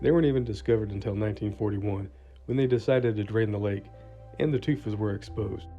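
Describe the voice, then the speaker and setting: Low, quick man narrating a travel vlog. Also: mellow. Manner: informative with dry asides. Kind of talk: scripted voice-over narration. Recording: dull lo-fi voice-over with music.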